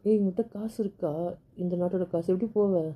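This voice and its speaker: A woman's voice: medium pitch, steady tone, brisk, slight background noise, close to an everyday voice. A woman voicing a caring older brother who gives protective advice over a phone call. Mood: concerned. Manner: protective, gently advising.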